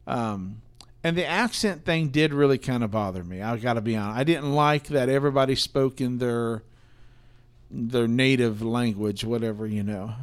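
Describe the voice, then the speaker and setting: A man's voice: medium pitch, moderate pace. A man co-hosting a casual podcast, telling stories about seeing films in a rambling way with lots of fillers. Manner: rambling, filler-heavy storytelling. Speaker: podcast co-host, film reviewer. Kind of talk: casual film review chat.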